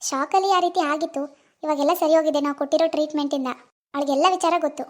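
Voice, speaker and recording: A woman voicing a calm cartoon doctor who gives steady, instructive advice to a patient's family. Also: sits high, very fast, lightly acted.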